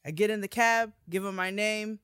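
A woman's voice: mid-range voice, fairly even intonation, normal speed, a bit bright, clear, resonant tone, no echo, clean studio sound. A young woman, a podcast co-host and student, telling a story in a casual chat with emphatic, profane bursts.

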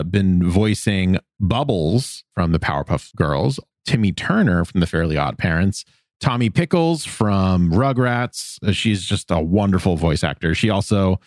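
A man with a very deep voice co-hosts a podcast, chatting with easy enthusiasm and plenty of filler words. The recording is dry and close, with no room sound. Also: no room sound. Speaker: podcast co-host. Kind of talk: casual chat.

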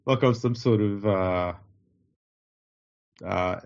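Nasal, low-voiced Australian man with a runny nose. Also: slow pace, gravelly, lo-fi sound. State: getting over covid with a runny nose. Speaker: podcast host. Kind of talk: casual banter on a rugby league podcast.

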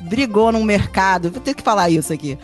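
A woman of Argentinian family raised in Rio, telling a quick, animated story in a casual podcast chat. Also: mid-range voice, soft background music.

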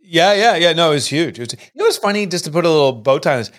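Telling his own story in an interview, the middle-aged author-entrepreneur talks fast with lively intonation and a slightly bright tone. He's earnest and emotional, and his pitch rises sharply for quotations.

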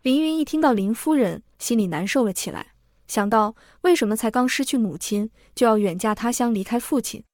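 A woman reads a serialized story in a steady, even narrating voice. Her pitch sits a little high, and the recording is dry and close to the mic. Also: brisk, no echo. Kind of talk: story reading.

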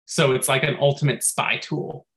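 A man's voice: mid-range voice, steady tone, moderate pace, fairly bright tone. A man co-hosting a podcast in casual chat, recapping game lore at length and dropping in frequent "like" asides. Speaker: podcast co-host.

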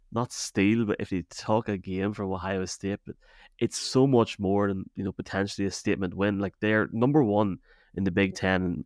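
An Irish man hosts a casual sports podcast in a fairly low voice. He talks in a chummy, matey way. The sound is close and dry. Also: no room sound. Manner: chummy, addresses guests as man and boys. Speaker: podcast host.

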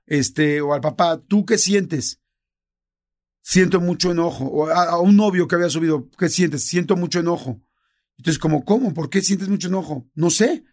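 A man's voice: fairly high pitch, moderate pace. A middle-aged man with a Mexican accent, casually telling a story on a podcast and acting out the dialogue. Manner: animated, acts out quoted dialogue in many voices. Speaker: podcast co-host.

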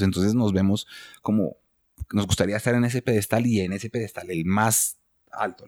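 Colombian man, fairly low voice, passionate opinionated talk, restarts mid-sentence, interview guest. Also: a little mellow. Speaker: guest photographer. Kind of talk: casual interview chat.

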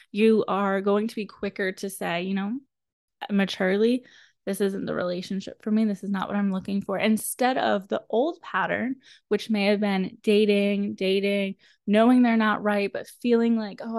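A woman's voice: medium pitch, a little mellow, no echo, studio quality. A woman giving a motivational self-help talk as a podcast host, earnest and encouraging, speaking straight to the listener.

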